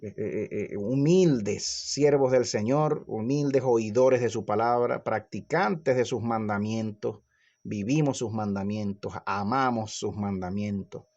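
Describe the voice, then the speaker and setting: A man's voice: on the low side, a little slow, a little mellow, muffled recording. A man preaching a fervent, repetitive sermon, often tossing in questioning hums to his congregation. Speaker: pastor.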